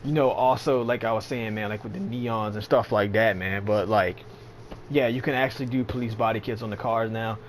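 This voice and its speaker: A man's voice: lowish voice, steady tone, fairly quick, slight background noise. A man giving casual, rambling commentary on a game update, sleepy and yawning, with lots of fillers and slang. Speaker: gaming channel host.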